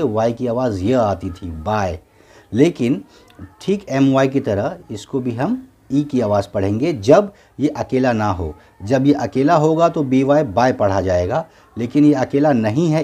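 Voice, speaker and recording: A man's voice: mid-range voice, warm tone, slightly rough. A man teaching a beginners' English lesson, patiently spelling words out letter by letter and repeating each word twice.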